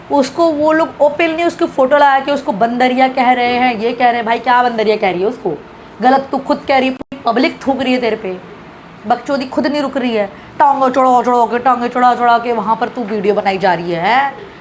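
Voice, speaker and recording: A woman's voice: fairly high pitch, a little fast, a little hiss or hum. A woman from Bihar, India, giving a heated, indignant reaction rant full of swearing. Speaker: social media creator.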